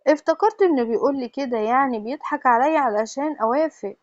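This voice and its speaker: A woman with an Egyptian accent telling a first-person confessional story in a steady, plain way. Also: sits high, quick pace, no echo, highs cut off. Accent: Egyptian Arabic.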